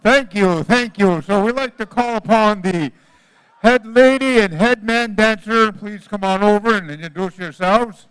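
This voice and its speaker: A man's voice: high voice, unhurried, fairly bright tone, clear, resonant tone, no room sound, rough recording. A man working as a powwow emcee, announcing live in a folksy, informal manner. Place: powwow at a casino event, over a PA.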